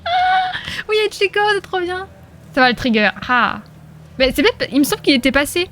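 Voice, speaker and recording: A woman's voice: high voice, sing-song, a little fast, fairly bright tone, slight background noise. A woman streaming a video game, chatting casually and playfully with her viewers and laughing often. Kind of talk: casual live gameplay commentary.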